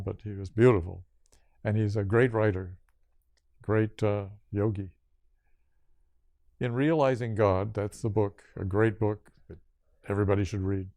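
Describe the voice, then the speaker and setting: Older male yoga teacher giving a spiritual talk; slow, measured phrasing in short lists, crisp voice. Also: lowish voice, warm tone, no echo.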